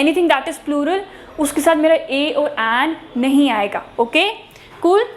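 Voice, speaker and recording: A woman teaching an exam-prep grammar lesson, asking her students questions and answering them herself, switching between Hindi and English phrases. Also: high voice. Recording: echoey room with faint noise.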